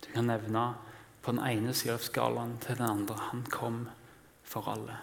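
A man of middle pitch preaches with dramatic swings, rising to loud emphasis and then dropping to hushed, almost whispered lines. His voice rings out with the long reverb of a large hall. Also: level tone, vocal fry, slight background noise. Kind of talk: sermon.

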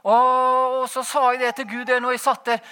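High bright-voiced man telling his story. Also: clean tone. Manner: animated, rambling, frequent "vet du" tag; laughs while telling. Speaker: testimony speaker. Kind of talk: personal testimony.

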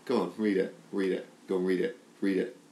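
A man's voice: low-pitched, level tone, brisk, warm tone, roomy sound. A man co-hosting a casual podcast, teasing his co-host and laughing often.

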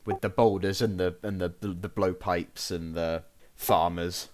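A man co-hosting a podcast as an archaeologist, excitable and quick to laugh, with trailing restarts. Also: sits low. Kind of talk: casual chat.

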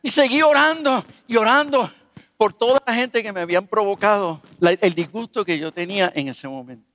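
A man's voice: high-pitched, brisk, dry recording, big-room sound. A man preaching as a pastor, telling personal stories with humor and asking the congregation questions. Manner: animated, humorous, asks the audience questions. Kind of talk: sermon with personal storytelling.

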